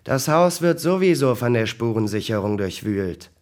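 A man voicing a grumpy, laid-back male detective who talks in a gruff, dry, bored way. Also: mid-range voice, lively intonation, normal speed, natural voice.

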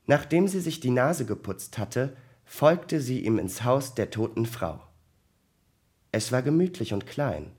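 A man reading a crime story aloud as audiobook narration, calm and measured. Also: medium pitch, breathy edge.

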